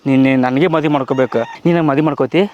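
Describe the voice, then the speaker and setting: A man's voice: medium pitch, fairly even intonation, rapid-fire, dull audio, background noise, natural voice. A young man playing a lovesick lover, yearning, with a North Karnataka Kannada accent. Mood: tender. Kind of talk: short film acting.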